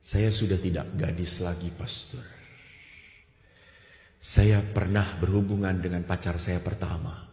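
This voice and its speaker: A man voicing an anxious young woman who pleads softly and apologetically with her priest. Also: extremely high pitch, fairly quick, voice pushed up. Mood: quiet confessing. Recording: echoey hall.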